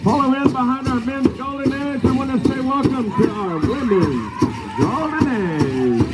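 Over a PA at a large outdoor grass arena, a man with an extremely high, expressive voice serves as master of ceremonies for a powwow, addressing dancers ceremonially and speaking a little slowly. A spectator's camera captures the rough audio, his announcements competing with loud drumming, singing and jingling bells.

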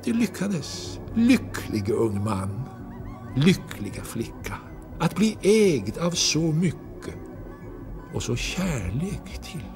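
A man's voice: fairly high pitch, sing-song, over music, voice pushed up. A man reading a poem aloud and voicing a chorus of old women who gloat in a sing-song way.

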